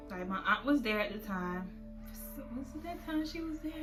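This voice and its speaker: A quiet, soft-spoken woman from South Florida telling a reflective personal story in a storytime vlog. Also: mid-range voice, animated, moderate pace. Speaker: vlogger. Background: soft background music.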